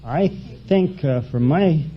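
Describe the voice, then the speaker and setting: A man's voice: a little high, animated, slow pace. A man answering plainly and matter-of-factly as a contestant on an old radio show. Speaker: contestant, deep sea diver. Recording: dull, hissy vintage radio recording.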